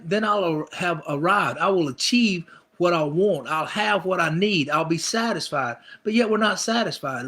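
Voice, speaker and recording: High-voiced conversational male pastor. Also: a bit bright. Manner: conversational, acts out inner monologues, repeats phrases. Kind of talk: sermon.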